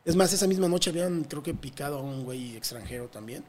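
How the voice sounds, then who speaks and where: Fast-talking high-voiced Mexican man. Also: a crowd in the background. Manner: animated, slangy, swears freely. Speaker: touring musician guest. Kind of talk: casual storytelling interview.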